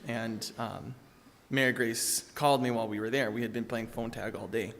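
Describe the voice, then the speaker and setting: A man's voice: mid-range voice, level tone, moderate pace, vocal fry, slight background noise. Man giving a eulogy in a church hall. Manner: warm storytelling with hesitant fillers and laughs. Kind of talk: memorial eulogy. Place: church sanctuary.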